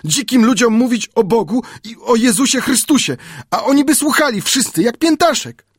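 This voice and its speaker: A man's voice: extremely high pitch, expressive, moderate pace, breathy edge, no echo, studio quality, voice pushed up, full character voice. A man voicing an earnest, devoted young islander man who speaks in broken, pleading phrases in an audiobook. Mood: eager. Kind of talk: audiobook character voice.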